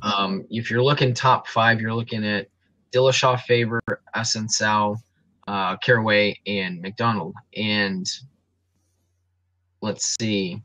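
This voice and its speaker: A man's voice: fairly low pitch, steady tone, slow pace, pushed and bright, no room sound, rough recording. A man co-hosting a casual sports podcast, breaking down fighters and records in detail with frequent ums and restarts. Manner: analytical, reels off stats with frequent ums.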